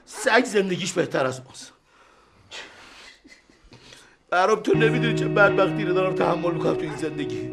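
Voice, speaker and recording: An actor playing a bitter, broke husband who shouts during a quarrel in a film drama. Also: male voice, high-pitched, animated, creaky, loud music behind the voice. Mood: despairing. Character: embittered, broke husband, quick to anger.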